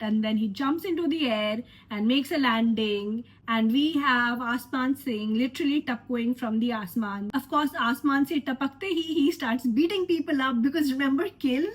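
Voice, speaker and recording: A woman, congested with a cold, giving an opinionated, sarcastic casual review of a trailer. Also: sits high. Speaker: film reviewer.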